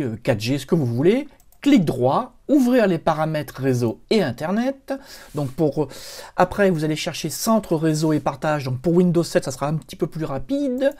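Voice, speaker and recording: A man's voice: a little high, dark tone. Chatty French man walking through a PC tutorial. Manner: chatty, explains step by step with many fillers and "hop". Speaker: computer help tutorial host. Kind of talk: screen-recorded software tutorial.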